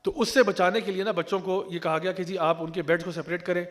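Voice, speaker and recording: A man's voice: high-pitched, fairly even intonation, a bit bright. A man giving an earnest religious talk on parenting, explaining point by point and mixing in English terms. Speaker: Islamic speaker.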